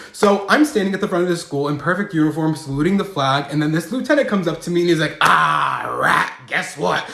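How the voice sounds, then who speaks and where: A young man telling funny stories from his life in a casual, animated, dramatic way with sassy asides. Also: fairly high pitch, echoey room. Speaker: social media storyteller. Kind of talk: casual comic storytelling.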